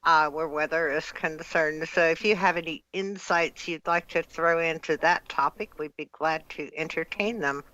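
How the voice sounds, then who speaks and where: Bright-voiced woman co-hosting a stream. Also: low-pitched, fairly even intonation, moderate pace, hardly any pauses, muffled recording. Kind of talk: casual live-stream chat. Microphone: video call.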